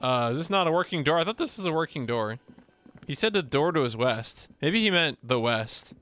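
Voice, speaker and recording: Playful, animated male game streamer. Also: on the high side, fairly quick. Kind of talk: casual game commentary.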